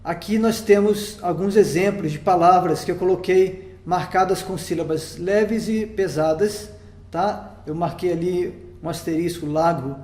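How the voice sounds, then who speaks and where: High-voiced Brazilian teacher in an echoey room. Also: male voice, darkish tone. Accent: Brazilian Portuguese. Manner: patient, step-by-step explaining, checks in with "tá?". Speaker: Sanskrit teacher. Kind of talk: recorded lesson. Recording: roomy echo.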